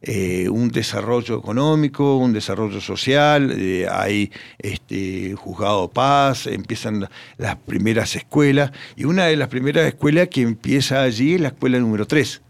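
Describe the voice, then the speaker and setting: A man's voice: medium pitch, normal speed, creaky. A man telling local history in a radio interview, hesitant, with many fillers and restarts. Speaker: guest.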